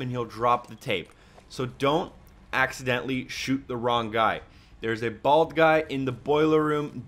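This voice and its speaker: Recorded as a mic voice-over, this video game guide narrator gives a casual walkthrough, explaining things step by step. He has a mid-range voice that's a bit bright.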